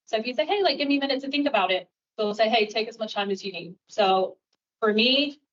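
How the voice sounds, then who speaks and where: A woman's voice: mid-range voice, a bit bright. A woman officer giving advice to an audience in a reassuring, repetitive way. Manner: reassuring, repeats "just be yourself". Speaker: officer answering questions. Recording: muffled, distant room recording.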